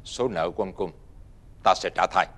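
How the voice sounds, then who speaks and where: An older actor playing a righteous, wealthy old gentleman who speaks with stern, dignified authority. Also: deep voice, normal speed. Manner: dignified, stern, lecturing, uses archaic "ta/ngươi".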